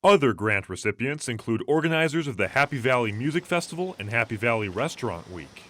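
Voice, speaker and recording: A man's voice: medium pitch, sing-song, a little fast, a bit bright, a little hiss or hum. A man delivering scripted broadcast news as an anchor and field reporter.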